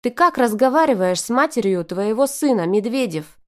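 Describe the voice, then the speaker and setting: A woman voicing a shrill, scheming young woman who shrieks indignantly at her ex. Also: expressive, normal speed, close to an everyday voice.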